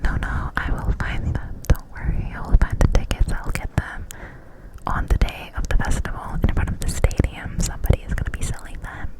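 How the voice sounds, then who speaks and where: A person telling a casual story in an ASMR ramble, in a close-up cupped-hand whisper right at the mic. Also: low-quality recording. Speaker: ASMR creator.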